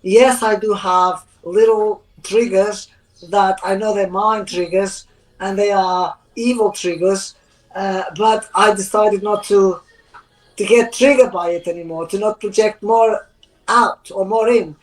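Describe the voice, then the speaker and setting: A woman's voice: mid-range voice, steady tone, a little slow, low-quality recording. A woman co-hosting a live spiritual question-and-answer show, talking in an earnest, rambling way with loose, non-native grammar. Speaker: co-host.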